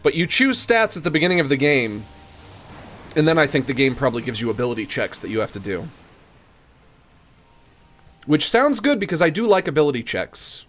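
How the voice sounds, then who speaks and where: A man's voice: on the high side, very animated, brisk, pauses often, a bit bright. A man chatting casually on a livestream in a rambling, joking way, with strong hissy sibilance from his studio microphone. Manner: rambling, joking, chuckles at own jokes. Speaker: video game streamer. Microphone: expensive large-diaphragm studio condenser microphone. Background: music.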